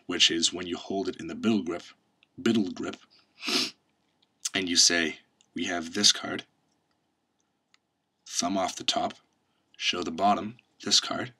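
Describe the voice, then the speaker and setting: Deep-voiced man giving card magician patter. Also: fairly bright tone. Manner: instructive, reciting patter lines in demonstration. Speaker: magic trick tutorial presenter. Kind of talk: step-by-step spoken tutorial with card magician patter.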